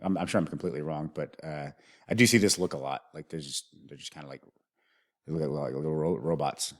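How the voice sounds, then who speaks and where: A man's voice: very deep voice, quick pace. A man hosting a music video reaction, thinking aloud in a rambling way and often restarting his sentences.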